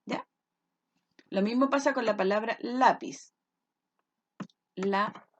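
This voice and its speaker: A woman's voice: on the high side, unhurried, highs cut off. A woman teacher explaining a lesson patiently, often checking that her pupils follow. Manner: patient, checks understanding with frequent "¿ya?".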